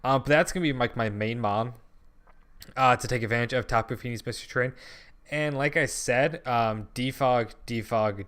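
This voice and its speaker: A young male channel host does casual gaming commentary in a mid-range, slightly bright voice. He thinks aloud and rambles, full of ums and frequent swearing, dropping sentences and restarting them.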